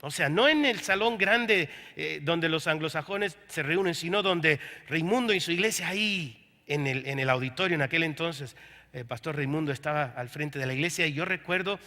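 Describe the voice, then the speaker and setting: Bright-voiced pastor preaching in a hall. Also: male voice, on the high side, normal speed. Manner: storytelling testimony with quoted dialogue. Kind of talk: sermon. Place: church service. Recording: long hall reverb from a church room.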